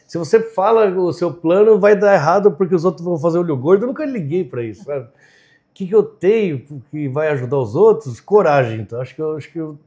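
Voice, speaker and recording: An Argentine-born man whose first language is Spanish, a chef and entrepreneur, chats openly as a podcast guest in a casual interview. His slightly high, dark-toned voice is animated and fast, and he laughs often and ends lines with "né?".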